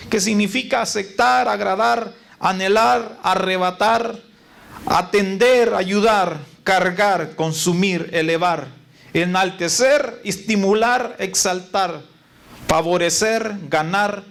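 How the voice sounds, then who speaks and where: Gravelly high-voiced preaching man. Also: slow, a bit bright. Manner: preaching with call and response to the congregation; reciting lists of word meanings. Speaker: pastor. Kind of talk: sermon. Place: church sanctuary. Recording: noisy church recording.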